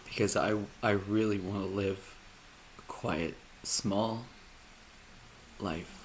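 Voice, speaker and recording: A man speaking a personal monologue, halting and emotional, often dropping to a near whisper. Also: on the low side, fairly even intonation, slight background noise. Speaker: vlogger.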